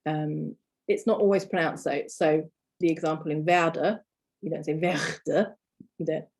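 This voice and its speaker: British woman, lowish voice, patient language teacher who repeats words slowly for learners. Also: darkish tone, breathy edge. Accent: British English. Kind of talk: online language lesson.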